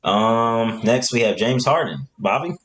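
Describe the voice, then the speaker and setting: A man's voice: mid-range voice, measured pace. A young man co-hosting a podcast, chatting casually and laid-back as he runs through basketball deals from a script. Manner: relaxed, talks through a script of player deals. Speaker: podcast co-host. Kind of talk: casual sports chat.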